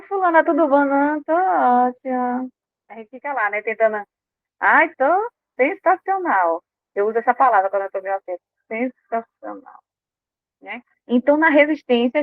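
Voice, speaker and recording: A woman talks informally to a live audience, animated and slipping into little acted voices. Her voice comes through thin and phone-like, with a dry sound and no room echo. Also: on the high side. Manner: animated, acts out quoted inner voices. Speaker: speaker on emotional health.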